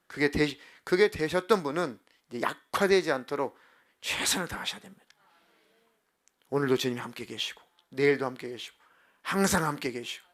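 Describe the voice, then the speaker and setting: A male pastor preaching a sermon in church, acting out heartfelt prayers and swinging from soft to loud. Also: medium pitch. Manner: acts out prayers and inner voices with big swings in loudness. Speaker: senior pastor. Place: church sanctuary.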